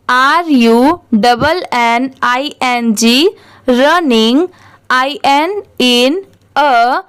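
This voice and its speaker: A woman's voice: high-pitched, dry recording. A young Indian woman teaching English reading, spelling words letter by letter and questioning the viewer. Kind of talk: slow spelling-out lesson.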